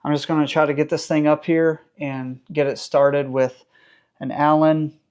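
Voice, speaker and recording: A man in his thirties with a Southern accent, who vlogs about car restoration, works on a truck in his home garage, chatting casually and joking at himself. His fairly high voice is smooth and a little mellow, with a flat delivery at normal speed, and the highs are cut off.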